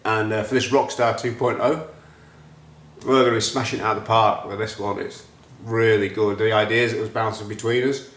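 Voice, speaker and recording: Bloke chatting, low voice, gets fired up, roomy sound. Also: male voice, brisk. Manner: excitable, animated storytelling. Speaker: host. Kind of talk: casual chat.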